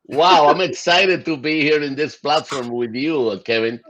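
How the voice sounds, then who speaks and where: A middle-aged man from Chile and Puerto Rico, speaking at a moderate pace in a high-leaning, fairly bright voice, is an enthusiastic guest in a casual interview. He uses many fillers and restarts, and the recording is dull and lo-fi.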